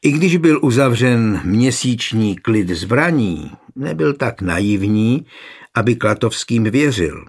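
A man reading a historical novel aloud as an audiobook narrator, in a calm, even storytelling manner. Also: mid-range voice, husky.

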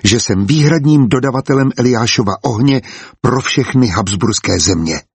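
A man's voice: medium pitch, expressive, creaky, slightly rough, no room sound. A man reading the lines of a grandiose, eager older uncle who begs his niece for help. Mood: eager, pleading. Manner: eager, theatrical, begging. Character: boastful pleading older uncle, grandiose merchant.

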